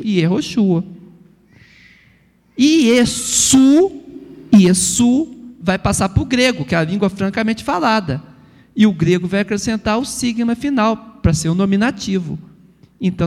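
A man preaching a teaching sermon as a pastor, explaining step by step and asking the congregation questions. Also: high-pitched. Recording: long hall reverb.

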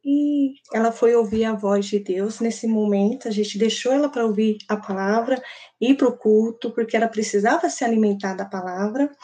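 A woman with a fairly high voice, telling a story from her work at a church teaching session. She is animated and acts out the people in her anecdote with changing voices.

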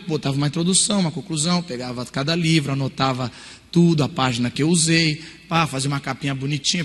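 High-voiced animated male preacher. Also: slightly rough. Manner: animated storytelling, lively shifts between hushed and loud. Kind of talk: sermon. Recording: long hall reverb.

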